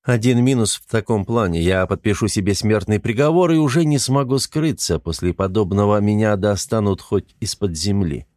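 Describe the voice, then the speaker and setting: A man narrating a first-person audiobook with a low, warm, mellow voice. His delivery is even, restrained and matter-of-fact, and the recording is close and dry with no room around it. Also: moderate pace, hardly any pauses, dry recording.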